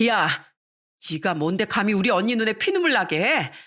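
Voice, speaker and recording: A woman voicing a fiery, loyal younger sister-in-law who talks back loudly and defiantly. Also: medium pitch, sing-song, normal speed. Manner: loud, defiant.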